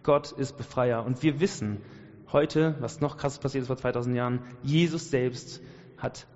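A man's voice: mid-range voice, normal speed, darkish tone. A man delivering a sermon in a casual, fervent way, pushing his points with rising emphasis. His voice carries a long reverb from a large hall, and the sound is a little muffled. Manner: passionate, colloquial preaching with rising emphasis. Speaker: preacher.

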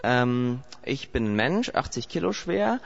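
A preacher voicing the disciple Peter as a hesitant man, halting with fillers, in a dull lo-fi recording. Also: medium pitch, sing-song, creaky, pitched below the performer's own voice. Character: Peter, unsure fisherman disciple on the water.

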